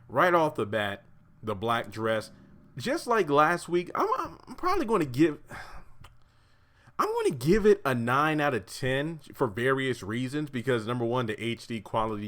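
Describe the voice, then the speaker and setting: A man giving a chatty, animated review of a TV episode from his apartment, often laughing and acting out the characters' lines. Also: medium pitch. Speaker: show reviewer.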